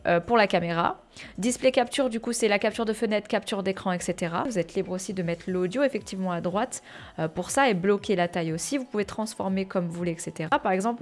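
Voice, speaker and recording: A woman giving a casual tutorial on streaming software, chatty and full of fillers, calling her viewers "guys". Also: medium pitch. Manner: chatty, many fillers, addresses viewers as "les gars". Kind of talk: casual screen-share tutorial. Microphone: headset or desk mic with earphones.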